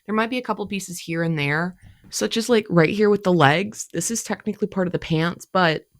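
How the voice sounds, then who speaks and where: A woman's voice: on the low side, brisk. Young woman, stuffy allergy voice, chatty and self-mocking, casual vlog ramble. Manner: chatty, self-deprecating, thinks aloud. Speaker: cosplay vlogger. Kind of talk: rambling casual talk to camera.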